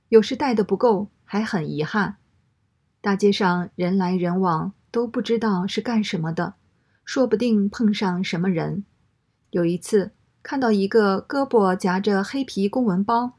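A woman reading a first-person story aloud in a steady, matter-of-fact way. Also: medium pitch.

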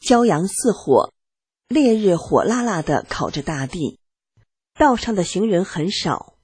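A woman reads a first-person testimony aloud for radio in a steady, earnest manner. Her voice is low and husky with lively rises and falls. The studio sound is dry and close. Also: no echo. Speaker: radio reader.

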